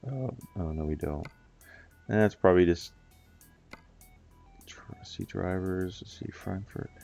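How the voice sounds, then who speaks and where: Soft background music plays as a let's play host from the United States talks slowly in a low, dark voice with vocal fry. Nasal from a cold, he rambles casually about the driving game he's playing, dropping plenty of ums and uhs.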